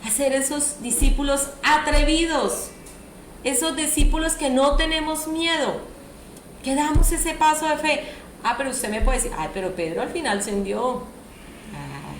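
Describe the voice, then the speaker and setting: Woman preacher, high voice, animated sermon, echoey hall with faint noise. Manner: animated, asks the audience questions often. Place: church hall.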